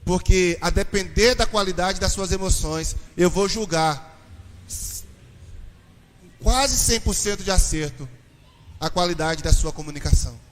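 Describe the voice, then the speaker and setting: A young adult man with a Brazilian accent, preaching a sermon in an animated, conversational way that speaks straight to the congregation. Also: high-pitched, measured pace, long pauses. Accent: Brazilian Portuguese. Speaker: pastor. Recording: long hall reverb.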